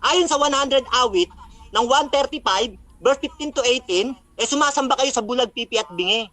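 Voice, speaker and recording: High, bright-voiced taunting man. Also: normal speed. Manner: taunting, cites Bible verses; laughs at his opponent. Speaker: religious debater. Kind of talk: mocking debate recap.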